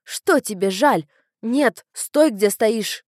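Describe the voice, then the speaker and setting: A woman's voice: a little high, lively intonation, slow pace, no room sound, clean studio sound. A woman reading an audiobook, voicing a frightened young woman who accuses with a trembling voice. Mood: shaken. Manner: shouting accusations.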